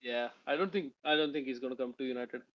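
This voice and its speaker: A man's voice: medium pitch, quick pace, no room sound, dull audio. A man co-hosting a podcast in casual analytical chat, reasoning steadily through his points. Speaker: podcast co-host.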